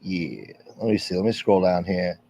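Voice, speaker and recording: A middle-aged man hosts a livestream, chatting casually and reading viewer comments in a rambling, candid way full of fillers and swearing. His voice is low-pitched, gravelly, and mellow at a normal speed. The stream audio is dull and lo-fi, with a little hiss or hum.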